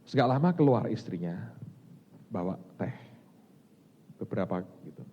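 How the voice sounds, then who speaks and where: A male pastor with a Javanese accent from Semarang, preaching a sermon in a lively storytelling manner, jumping from loud exclamations to hushed lines. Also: on the low side, moderate pace, breathy edge. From Semarang, Indonesia. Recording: dull sound in a reverberant hall.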